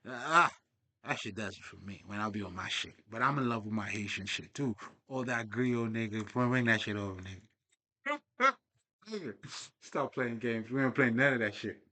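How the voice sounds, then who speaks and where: Profane, rambling man with a bright voice. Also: mid-range voice, expressive, moderate pace. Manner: profane, streetwise, digressive. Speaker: spiritual vlogger. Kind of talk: casual rambling monologue.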